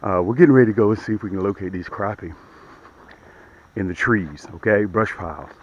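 Out on a lake in the early morning rain, a man hosts his fishing vlog from a small boat, talking straight to viewers in an excitable, repetitive way and frequently going hushed on the water. His voice runs on the low side and a little fast. An action camera mounted on the boat records dull, lo-fi sound with faint noise from outdoors.

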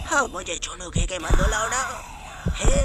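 A man's voice: high-pitched, sing-song, measured pace, heavy background noise. A man voicing a timid, whiny young cartoon sidekick who pleads and frightens easily, acting over gameplay. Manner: pleading, frightened, calls everyone "bhaiya".

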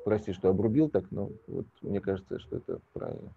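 Male business guest, low, mellow voice, halting with fillers; muffled call audio. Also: vocal fry, a little hiss or hum. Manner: hesitant, many fillers, chuckling. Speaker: franchise business owner, invited guest. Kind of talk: casual business talk on a video call.

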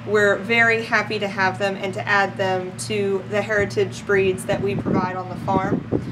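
A woman's voice: mid-range voice, flat delivery, normal speed, heavy background noise. A woman, talking earnestly to camera in a casual farm vlog, recorded outdoors on a porch. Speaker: small farm owner and vlogger.

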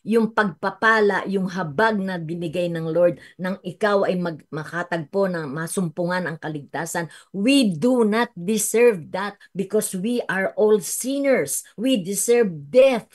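Slow dramatic woman preaching. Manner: dramatic swings from soft and slow to loud and high, mixing Tagalog and English. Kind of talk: sermon. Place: radio studio.

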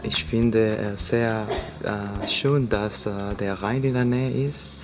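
A young man from El Salvador speaks German in a lowish voice. He pauses often with fillers. Guitar music plays clearly underneath. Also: steady tone. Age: young adult. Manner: halting, many fillers. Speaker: international student.

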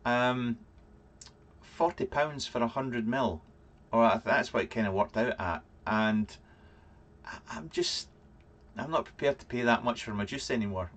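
Indoors in a small, cluttered home room, a man in his thirties from Fife, Scotland, hosts a casual livestream vlog. His voice is medium-pitched, a bit bright and measured in pace as he rambles and makes dry jokes responding to chat comments.

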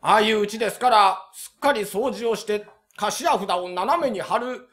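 A man playing a timid tenement dweller who tells a ghost story slowly and in a hushed tone, in rakugo comic storytelling. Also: sits high. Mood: hushed spooky. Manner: drawn-out, hushed spooky delivery.

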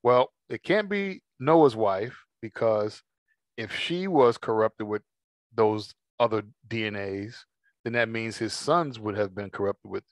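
A man teaching a Bible study, reading verses slowly and then explaining them in a measured way. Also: on the low side, no room sound. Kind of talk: scripture study talk, reading aloud.

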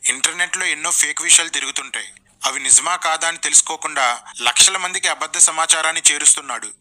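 A man's voice: a little high, fast talker, sharp tone. A man delivering satirical voice-over commentary in a sarcastic, mocking way.

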